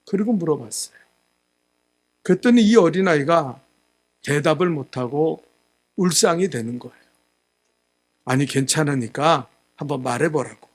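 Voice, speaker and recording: A male pastor giving a sermon, telling a story and acting out the quotes, growing loud at the high points. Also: lively intonation, normal speed, pauses often. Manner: storytelling with acted quotes, rising loud at climaxes. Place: church sanctuary.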